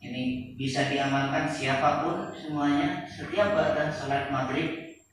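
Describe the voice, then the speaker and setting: A man preaching a sermon to boarding school students, slow and deliberate, repeating key phrases for emphasis. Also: mid-range voice, steady tone, slight background noise. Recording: echoey hall, distant mic.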